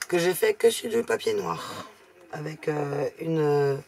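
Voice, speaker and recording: A woman's voice: deep voice, sing-song, a little slow, creaky, a little mellow, a little hiss or hum. A woman giving a chatty, casual step-by-step craft demonstration, explaining as she works. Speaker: craft tutorial host.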